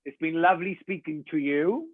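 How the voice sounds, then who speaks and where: A man's voice: a little high, lively intonation, moderate pace. A man, a wig designer, chatting casually on a live stream from home over a video call. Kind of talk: casual livestream chat. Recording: tinny, dry phone-like line.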